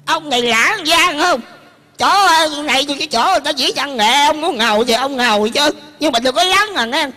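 Performer doing shrill old woman Lan, scornful. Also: lively intonation, normal speed, pushed and bright. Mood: grumpy. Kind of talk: comic cải lương scene. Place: outdoor live stage.

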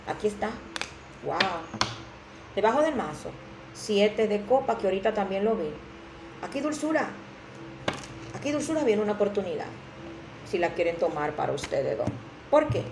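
A woman's voice: mid-range voice, very animated, normal speed, pauses often. A woman with a Dominican accent giving a chatty, dramatic tarot reading who acts out other people's lines. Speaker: tarot reader. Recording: roomy echo with faint background noise.

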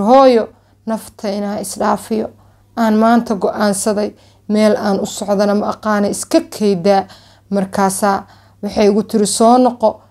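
A woman's voice: medium pitch, dark tone. A young woman with a Somali accent tells a dramatic story to camera, emphatically, drawing out words and retelling dialogue. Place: small furnished room at home, indoors.

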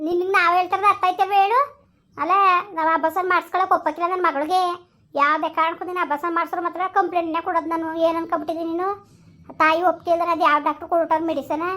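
A woman's voice: extremely high pitch, little pitch movement, rapid-fire, pushed and bright. A woman acting in a village comedy skit, scolding and cursing a husband in repetitive angry rants. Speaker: angry mother and wife in a skit.

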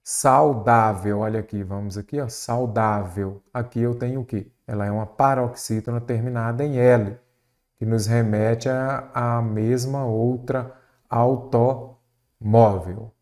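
A Brazilian man teaches an exam-prep lesson in a voice of middle pitch. He has a Brazilian Portuguese accent and breaks each point down step by step. He keeps asking his listeners questions before he gives the answers. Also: steady tone, unhurried, darkish tone.

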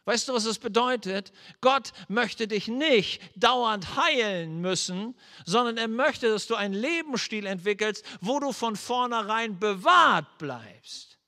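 A male pastor preaching a sermon, earnestly asking his listeners direct questions and turning soft and low as he leads into prayer. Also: lively intonation, unhurried. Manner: drops to a soft, low voice when leading into prayer. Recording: long hall reverb.

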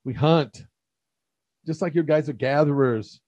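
A man hosting a podcast in casual chat, joking with wry deadpan asides and frequent swearing. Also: on the high side, a little slow, no echo. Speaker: podcast host.

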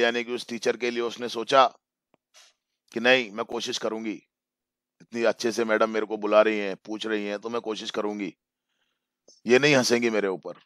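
A male English teacher explaining a story line by line in a bilingual lesson. He reads the English slowly, then paraphrases it and repeats phrases for emphasis. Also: on the low side, a bit bright, clean tone, dry recording, studio quality.

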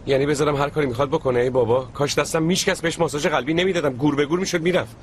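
A man's voice: on the high side, slight background noise, lightly acted. A man dubbing a hotheaded young lover. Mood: frustrated. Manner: threatening then coaxing. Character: hotheaded young man, protective of his love. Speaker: dub actor. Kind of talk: dubbed TV drama. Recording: drama score music behind.

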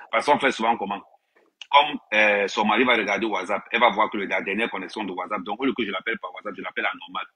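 A social media personality rants on a live stream filmed indoors on a tablet, repeating himself and speaking directly to viewers. His fairly low voice is bright, forceful and husky, and the audio is poor.

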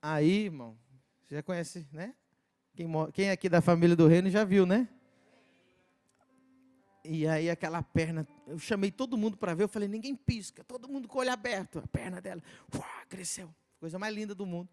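A high-pitched man preaches a sermon, telling his story with theatrical energy. He jumps from loud, ringing declarations to quiet, confiding asides and acts out the voices of people in the story. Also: a little fast, faint music behind. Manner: animated storytelling, acting out quotes, swinging from shouts to hushed asides. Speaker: pastor. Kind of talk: sermon testimony.

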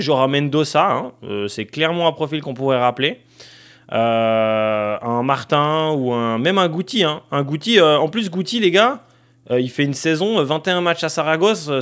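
Playing a football career mode, a young streamer muses aloud, leaning on fillers and addressing his audience directly. His pitch runs fairly high.

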